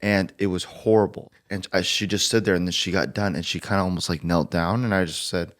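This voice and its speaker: Male pastor, low voice, animated storyteller, casual podcast. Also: fairly quick. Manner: animated anecdote teller, laughs often.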